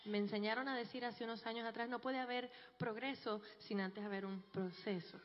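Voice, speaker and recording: A woman gives a church testimony, telling her life story with a joking, warm manner. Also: a little high, fairly even intonation, a little fast, slight background noise. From Puerto Rico. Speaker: guest speaker giving a testimony. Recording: dull, echoey large hall.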